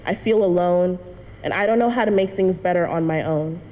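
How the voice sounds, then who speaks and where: This young woman talks fairly quickly in a warm, lowish voice as she gives an earnest personal testimony to her church congregation, with light laughs mixed in. She is a student, and the church hall lends long reverb and faint noise.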